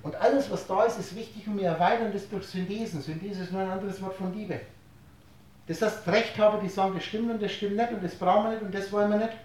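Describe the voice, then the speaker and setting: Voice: medium pitch, steady tone, quick pace, a little mellow. Distant lecturer in a very echoey room. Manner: rhetorical questions and wordplay, explains through everyday analogies. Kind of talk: spiritual lecture to a live audience.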